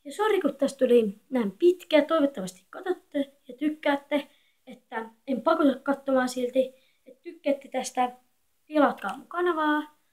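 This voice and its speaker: Soft-spoken young teen girl vlogging. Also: high voice, lively intonation. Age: 13-year-old girl. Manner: quiet, soft-spoken, rambling and chatty. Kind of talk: casual home vlog. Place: echoey bedroom at home. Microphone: phone camera.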